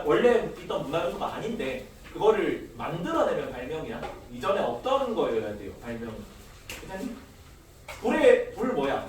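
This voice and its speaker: A man's voice: on the high side, a little hiss or hum. A male social studies teacher giving a casual classroom lecture, quizzing students with rhetorical questions and joking asides. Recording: very echoey room, mic far off.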